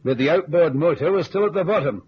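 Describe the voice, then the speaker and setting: In an old-time radio drama, a man plays an earnest Scottish ex-navy businessman recounting deadly lake dives in a measured, earnest way. He talks fast in a husky voice on the high side, and the recording is muffled with hiss.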